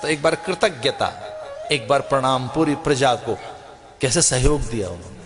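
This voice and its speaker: A man's voice: mid-range voice, lively intonation, normal speed, a bit bright, faint music behind. An Indian man, a spiritual teacher, giving a devotional storytelling sermon and voicing the characters' words.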